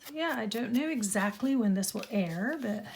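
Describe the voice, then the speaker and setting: A middle-aged woman, a little croaky, chatting casually and rambling as she crafts in her home studio, laughing at herself often. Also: a little high, animated, normal speed, noisy background. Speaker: craft channel host. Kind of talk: casual chat while crafting.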